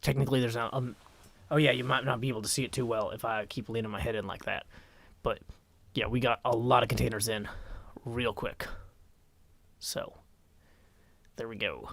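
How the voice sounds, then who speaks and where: A man hosting a casual livestream in a raspy, strained put-on voice, chatting and reading viewer comments into a boom mic. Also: steady tone, normal speed, pauses often, fairly bright tone, no room sound. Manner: rambling, chatty, talks to chat while working on a build. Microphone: boom microphone.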